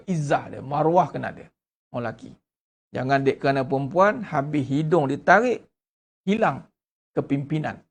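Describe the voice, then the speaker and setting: A man with a Malaysian Malay accent gives a religious lecture as a religious teacher, speaking emphatically and asking rhetorical questions. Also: vocal fry. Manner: emphatic, rhetorical questions, lively swings in pitch.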